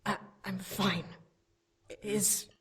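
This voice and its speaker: A woman voicing a quiet, shaken male demon in a soft, lowered, hesitant tone while reading a game aloud. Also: flat delivery, drawn-out words, vocal fry, full character voice.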